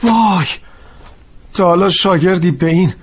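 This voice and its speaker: A man's voice: high-pitched, slight background noise, close to an everyday voice. A man voicing a young male engineering-student tutor in a dubbed drama, upbeat but easily exasperated. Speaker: private tutor.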